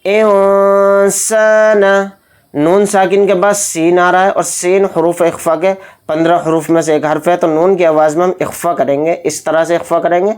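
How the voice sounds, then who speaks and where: A man's voice: on the high side, little pitch movement, a little fast, darkish tone. A man teaching Quran recitation, patiently explaining each letter and drawing out the sounds as he demonstrates. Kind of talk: slow, methodical recitation lesson.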